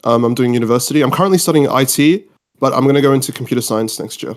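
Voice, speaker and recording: A man's voice: mid-range voice, rapid-fire. A twenty-year-old man from Australia, born in Mauritius, chatting casually in an informal, rambling way as a podcast guest. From Australia, born in Mauritius, lived in UK. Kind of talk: casual chat.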